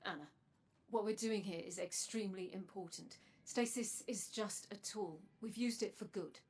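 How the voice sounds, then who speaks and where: A guarded, mysterious stranger speaks calmly and earnestly in a husky, breathy voice. Her delivery is measured. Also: mid-range voice. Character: mysterious machine-bodied woman, guarded and secretive.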